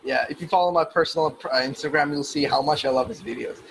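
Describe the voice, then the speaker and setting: A man's voice: a little high, fast talker, creaky, noisy background. A young man hosting a casual podcast interview, talking in an earnest, rambling way and often restarting his sentences. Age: young adult. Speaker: podcast host.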